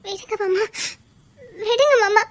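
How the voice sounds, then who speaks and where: A woman's voice: very high-pitched, measured pace, a little hiss or hum. A woman playing a sobbing young wife. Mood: pleading. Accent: Tirunelveli Tamil. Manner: sobbing, pleading, voice breaking. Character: tearful young wife, hurt and feeling betrayed. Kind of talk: web series drama acting.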